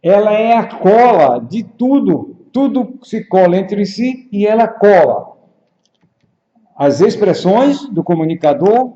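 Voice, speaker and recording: A man coaching public speaking, explaining at a measured pace with frequent pauses and tag questions. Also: a little high, warm tone. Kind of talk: explanatory lesson at a whiteboard. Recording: roomy, echoey, dull lo-fi sound.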